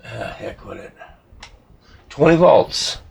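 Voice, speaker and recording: This repair hobbyist talks casually to himself as he works, with a folksy manner and a bit of mild swearing. His medium-pitched voice is animated but unhurried, creaky, a little mellow and slightly rough. The workshop around him is noisy with clicks and handling.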